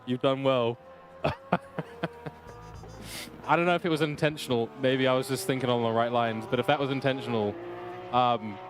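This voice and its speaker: A man's voice: mid-range voice, moderate pace, long pauses, music in the background. A man streaming a racing game and chatting casually. He rambles in a jokey way and often corrects himself. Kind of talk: casual chat while racing. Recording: loud race car engine noise.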